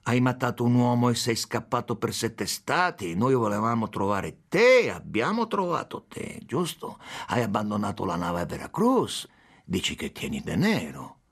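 A man's voice: medium pitch, expressive, slow pace. A man voicing a drunk, mocking policeman who taunts and mixes Spanish into his speech. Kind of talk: audiobook character voice.

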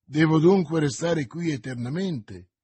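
A man's voice: a little high, measured pace, dark tone, husky, dry recording. A man voicing Milady, a proud, fierce noblewoman held prisoner who answers with haughty, indignant outbursts in an audiobook. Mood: fearful.

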